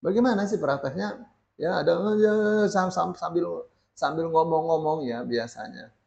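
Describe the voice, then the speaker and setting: A man's voice: fairly high pitch, normal speed, gravelly, darkish tone. A man teaching a religious lesson in speech, often tagging sentences with "ya" and reading Arabic passages before explaining them. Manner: frequent "ya" tags, reads Arabic text then explains. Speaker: Islamic teacher. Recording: dull lo-fi recording.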